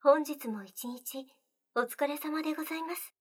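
A woman voicing a gentle, devoted young maid in an ASMR roleplay, speaking softly and very formally, often in a whisper. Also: sits high, moderate pace, close to an everyday voice. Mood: welcoming. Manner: soft-spoken, very formal polite speech, often whispered.

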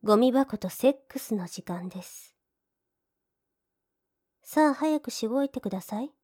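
A woman's voice: on the high side, lively intonation, unhurried, mellow, husky. A woman playing a sneering polite maid. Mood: mocking commands.

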